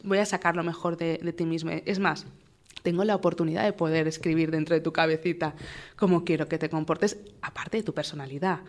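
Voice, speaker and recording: Young woman explaining parenting stuff, calm and patient, lowish voice. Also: brisk. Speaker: guest expert on parenting. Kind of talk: explanatory interview talk.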